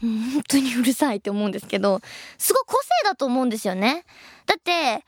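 A young woman in her twenties hosting a radio show, reading listener letters and answering them in a chatty, playful way, her voice a little husky. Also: a little high, quick pace, no echo, clean studio sound. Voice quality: a bit husky, by her own account. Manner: lively, chatty and playful, laughs at her own slips.

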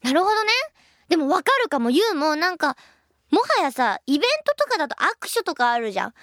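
A young woman in her twenties hosts a radio show, reading out listener letters and replying in a lively, chatty, playful way. Her high voice is a little husky, by her own account, and she laughs at her own slips. The studio-quality recording has no echo.

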